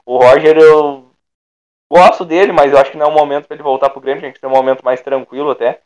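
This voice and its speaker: Man, slightly high voice, opinionated football pundit, stops and restarts a lot. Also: steady tone, a little mellow, smooth. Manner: opinionated, halting with many restarts. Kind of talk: casual sports debate.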